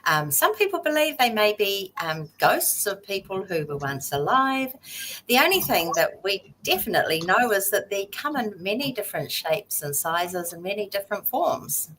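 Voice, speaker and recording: A woman's voice: medium pitch, very animated, moderate pace, fairly bright tone, slight background noise, poor audio. A woman taking part in a casual podcast discussion, explaining things informally.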